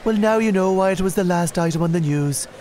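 A man playing a dry, deadpan news reporter. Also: high voice, fairly quick, close to an everyday voice.

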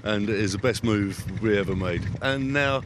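A man's voice: lowish voice, moderate pace. A man with an Essex accent giving casual interview answers. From Essex, England. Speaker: forestry worker and trainee. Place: outdoors at quad bike training site. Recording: outdoor recording with vehicle noise.

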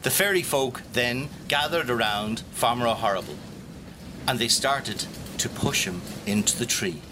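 A man with an Irish accent telling a folk tale, lively and dramatic, rising for suspense. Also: medium pitch, moderate pace, noisy background. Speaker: storyteller. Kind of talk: spoken folk tale for listeners.

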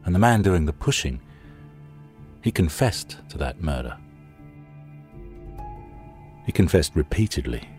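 Very deep-voiced male true-crime storyteller over music. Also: darkish tone. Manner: conversational storyteller, addresses the listener directly, short suspenseful phrases. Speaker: podcast host and narrator. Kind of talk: scripted true-crime documentary narration.

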